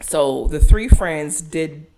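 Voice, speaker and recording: An animated woman co-hosting a podcast in casual chat. Her voice sits fairly low, but her pitch jumps around a lot as she reads passages aloud. She laughs often between lines. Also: slow. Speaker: podcast co-host.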